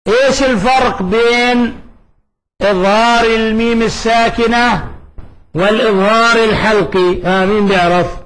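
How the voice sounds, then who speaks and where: A man's voice: high voice, steady tone, moderate pace, a bit bright, slight background noise, rough recording. A man teaching a Quran recitation lesson, asking his students questions and sounding out letters to show how they are made. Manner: quizzes students and demonstrates letter sounds aloud.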